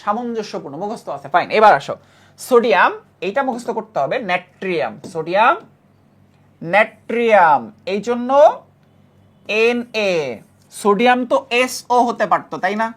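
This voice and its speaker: A woman's voice: mid-range voice, expressive, a little slow, pauses often. A woman teaching a chemistry lesson who repeats key terms and keeps checking that students follow. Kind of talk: classroom lecture.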